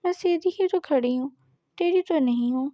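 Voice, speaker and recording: A woman's voice: high voice, warm tone, dry recording, lo-fi sound, natural voice. A woman voicing an innocent, childlike young wife who talks in a pleading, petulant and teasing way.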